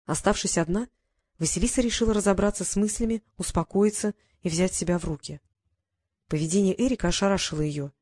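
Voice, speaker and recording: A woman narrating a novel aloud in a steady storytelling voice. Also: medium pitch, fairly quick, dry recording, clean studio sound. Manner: steady storybook reading, quietly acts out the dialogue. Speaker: audiobook narrator. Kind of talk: scripted narration.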